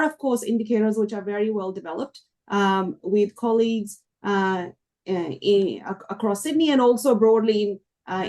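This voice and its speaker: Woman, medium pitch, hoarse and failing voice, hesitant, panel answer at a workshop. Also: darkish tone. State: losing her voice, hoarse. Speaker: panel speaker, researcher.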